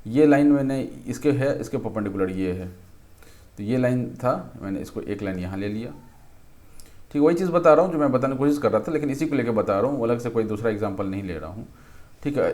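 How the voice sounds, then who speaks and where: Speaking at a medium pitch with a slightly mellow tone, a man explains a physics lesson at a board in a conversational way. He thinks aloud, often checks in with questions, and restarts or corrects himself as he works through it.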